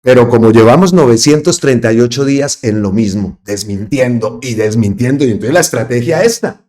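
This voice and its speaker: A man's voice: mid-range voice, lively intonation, a little fast, a little mellow. A man hosting his own political commentary channel, talking emphatically and repeating phrases for stress. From Colombia. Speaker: host of an online political channel.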